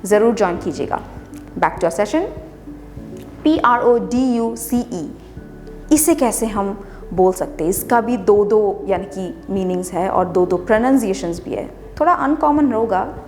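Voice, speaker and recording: A woman's voice: mid-range voice, lively intonation, a little slow, a little mellow. A woman explaining English words in Hindi, spelling them out letter by letter and repeating each one patiently. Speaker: English teacher. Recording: long reverb with music behind.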